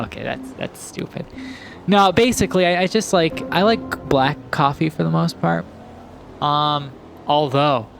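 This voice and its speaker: Slow, rambling young man chatting. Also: fairly high pitch, vocal fry, fairly bright tone, slight background noise. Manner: rambling, many fillers and restarts. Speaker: gaming commentator. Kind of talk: casual chill commentary over gameplay. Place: home, recorded in post.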